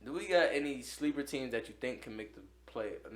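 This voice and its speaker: A man's voice: mid-range voice, animated, a little fast. A young man co-hosting a podcast, chatting casually in slang with friends. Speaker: podcast co-host.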